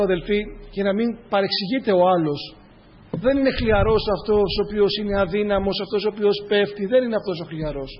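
A man's voice: high-pitched, breathy edge. A man preaching a sermon earnestly, addressing the congregation as brothers in a church hall. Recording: dull, with long hall reverb.

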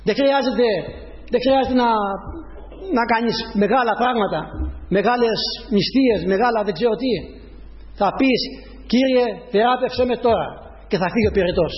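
A man preaching a sermon, repeating his points and rising to emphatic peaks as he addresses the congregation as brothers. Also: sits high. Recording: dull lo-fi recording with long reverb.

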